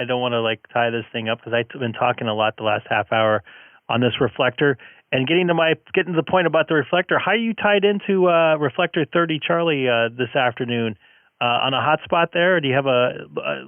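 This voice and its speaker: A man's voice: medium pitch, clean tone, no room sound. Ham guy on am radio, tinny and dry, lots of uhs. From United States. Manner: rambling, chatty, filler-heavy. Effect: heard over a narrow AM-style radio link. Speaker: amateur radio operator.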